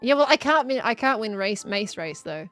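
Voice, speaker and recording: A woman's voice: a little high, expressive, normal speed, a bit bright, soft background music. A woman streaming a game, chatting casually in a playful, teasing way. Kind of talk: casual chat while gaming.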